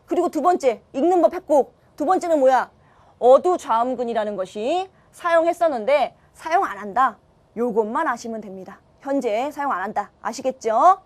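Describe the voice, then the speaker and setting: A woman's voice: high voice, darkish tone. A woman teaching a grammar lesson online, asking her students questions and answering them herself. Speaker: Korean language teacher.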